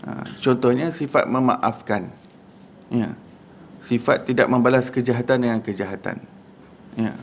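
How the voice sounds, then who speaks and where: Malaysian man giving an animated mosque lecture. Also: mid-range voice, normal speed, pauses often, slight background noise. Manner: animated, conversational with frequent "ha" and "ya" fillers. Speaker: religious lecturer. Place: mosque hall.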